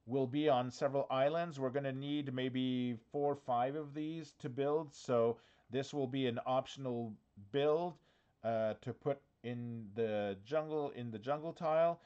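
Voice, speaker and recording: A man's voice: mid-range voice, muffled recording. A man hosting a casual live walkthrough from his office, talking in a chatty, hesitant way full of fillers and restarts, with the hiccups. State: has the hiccups. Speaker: diorama workshop host.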